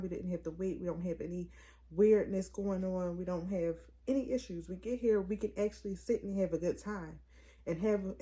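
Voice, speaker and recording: Opinionated young woman vlogger, warm voice. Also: on the low side. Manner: animated, opinionated, lots of "like" and "it's like". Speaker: vlogger host. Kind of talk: casual chat to camera.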